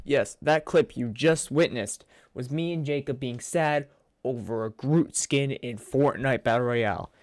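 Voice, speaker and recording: A man's voice: medium pitch, unhurried, no echo, clean studio sound. Groggy man chatting over game clips. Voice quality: groggy morning voice. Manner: chatty, asks himself questions and answers them. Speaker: gaming video host. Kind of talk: casual narration over gameplay clips.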